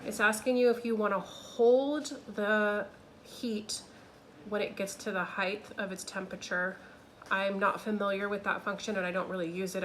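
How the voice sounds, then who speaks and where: Woman, plain instructional delivery, phone-recorded with steady background noise. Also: medium pitch, low-quality recording. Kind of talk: step-by-step demonstration. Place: kiln room. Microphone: phone held while filming.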